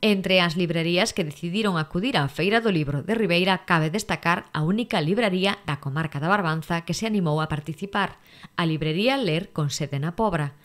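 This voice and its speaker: Low-voiced woman reading news. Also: fairly quick. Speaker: news reporter. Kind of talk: scripted news narration.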